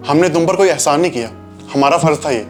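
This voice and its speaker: An actor playing a kind young husband who talks calmly and reasons with his wife. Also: fairly high pitch, quick pace, faint music behind, close to an everyday voice. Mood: calm, patient. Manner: calm, reasoning, soothing. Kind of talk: short film acting.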